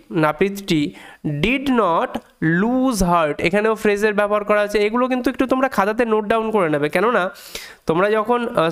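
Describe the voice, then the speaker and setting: A man from India teaching an English reading lesson with a high, smooth, resonant voice. He goes word by word, repeating meanings patiently and spelling out sounds. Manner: patient, breaks words down slowly and repeats points.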